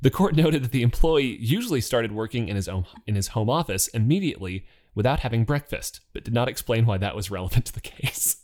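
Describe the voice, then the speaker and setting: A man's voice: mid-range voice, lively intonation, darkish tone. Jokey man co-hosting a casual podcast. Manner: jokey, rambling, quick asides and self-corrections. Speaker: podcast co-host. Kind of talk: casual news chat.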